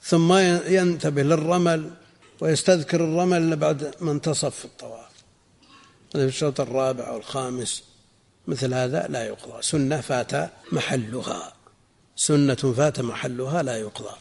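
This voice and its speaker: Gravelly scholar teaching in a reverberant hall. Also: male voice, mid-range voice, fairly even intonation, darkish tone. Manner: measured, explanatory, repeats phrases for emphasis. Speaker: Islamic scholar teaching a text. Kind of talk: religious lesson explaining a text.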